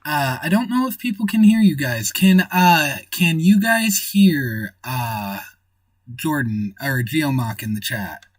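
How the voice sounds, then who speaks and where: A man's voice: a little high, very animated, slow, no echo, far from the mic. A man hosting a livestream in casual chat, rambling and thinking aloud as he reads the chat. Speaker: livestream host.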